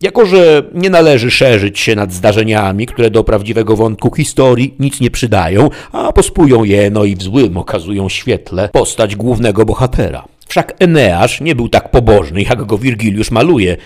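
A man's voice: lowish voice, expressive, moderate pace, hardly any pauses, a little mellow, close to an everyday voice. A man doing a pompous old knight. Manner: pompous, lecturing. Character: lofty, solemn old knight-errant. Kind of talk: audiobook reading with voices.

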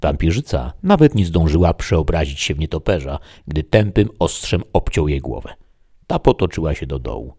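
A man narrating a scripted horror story in a steady, dramatic reading. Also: very deep voice, moderate pace, breathy edge, no room sound, clean studio sound.

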